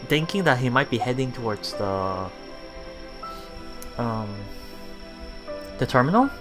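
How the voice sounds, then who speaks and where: Reading a visual novel in a let's play, a man with a mid-range voice halts, repeats words, and interrupts himself with casual commentary.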